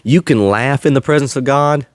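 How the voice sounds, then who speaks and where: A man's voice: mid-range voice, moderate pace, no room sound, clean studio sound. A man hosting a faith-based podcast, talking in an earnest, slightly preachy way and chuckling often. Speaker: podcast host. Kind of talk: faith-based casual chat.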